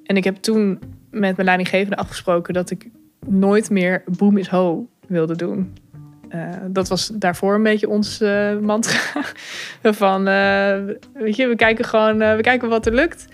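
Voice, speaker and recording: A woman's voice: mid-range voice, steady tone, moderate pace, faint music behind. Candid Dutch-speaking woman, reflective. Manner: thoughtful, candid, many fillers, soft laughs. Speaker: communications adviser telling her story. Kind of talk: personal account, reflective.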